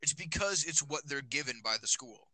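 A teenage guy hosts a loose podcast chat with his friends, recorded on a phone. His voice is very bright and ringing, and he talks in rambling bursts full of "like" and false starts. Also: on the high side, lively intonation, normal speed, poor audio. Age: teens. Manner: rambling, many fillers. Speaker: podcast host. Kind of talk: casual chat.

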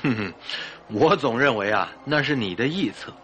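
A man's voice: medium pitch, expressive, moderate pace, fairly bright tone, dull audio, a little hiss or hum, natural voice. An actor playing a sceptical, wry doctor in a radio drama, questioning his detective companion with dry teasing. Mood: sceptical, amused.

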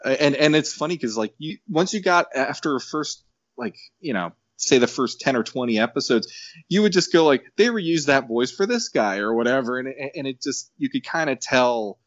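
A man chatting on a podcast in an animated, rambling way, acting out quotes. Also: medium pitch, normal speed, no room sound. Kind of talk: casual podcast chat. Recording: dull lo-fi dry sound.

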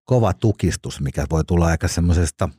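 A man's voice: sits low, dark tone, breathy edge, dry recording, clean studio sound. A middle-aged man, a former criminal, telling his stories as an interview guest in blunt, colloquial speech with free swearing. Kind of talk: casual interview storytelling.

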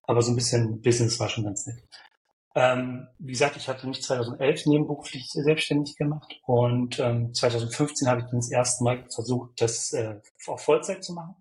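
A man's voice: mid-range voice, fairly quick, darkish tone, a little hiss or hum, low-quality recording. A man from Berlin, a guest on a podcast, answering questions hesitantly with many fillers and restarts. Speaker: podcast guest, software developer. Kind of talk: interview answers.

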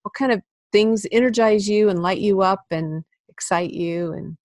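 A woman's voice: medium pitch, moderate pace, darkish tone, dry recording. Earnest woman podcast host, dry close mic. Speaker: podcast host, life coach. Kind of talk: podcast hosting.

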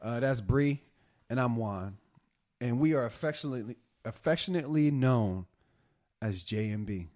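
A man's voice: medium pitch, animated, moderate pace, darkish tone. A man co-hosting a marriage podcast in casual chat, playful and hyping up his listeners. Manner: hyped, playful, hypes up the audience. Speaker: podcast co-host.

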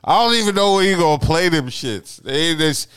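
Animated profane man on a podcast. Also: a little high, normal speed, clean tone, no echo, studio quality. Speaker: podcast co-host. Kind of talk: casual chat.

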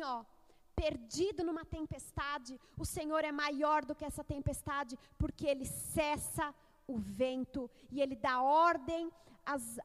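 High, unhurried woman preaching in a hall. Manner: fervent, calls on the congregation to repeat. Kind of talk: sermon with Bible reading. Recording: long reverb of a hall.

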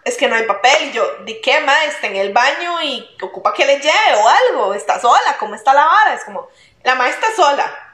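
A young woman with a Costa Rican accent in casual chat, chiming in and retelling phone calls with quick asides. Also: high-pitched, sing-song, fairly bright tone, echoey room. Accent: Costa Rican Spanish. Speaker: podcast co-host.

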